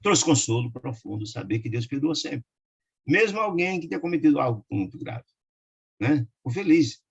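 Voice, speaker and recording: A man leading a study group, reading a religious book aloud and breaking off for warm asides. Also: a little high, vocal fry, breathy edge, dull audio. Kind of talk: reading and commenting a spiritist book.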